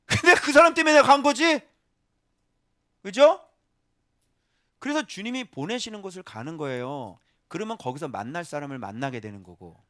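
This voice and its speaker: Male pastor, lively preaching delivery, dry close recording. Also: high voice, moderate pace, pauses often, no echo. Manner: animated preaching with acted-out voices and sudden shouts. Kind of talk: sermon.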